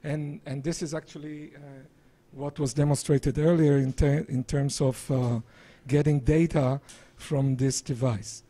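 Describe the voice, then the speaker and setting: Male presenter, 60s, somewhat raised pitch, halting and hesitant, live talk on a handheld mic. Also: steady tone, dark tone. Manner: halting, hesitant delivery with broken-up phrases. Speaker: presenter, visiting scientist and entrepreneur. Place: small indoor presentation room. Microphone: handheld microphone, held at varying distance.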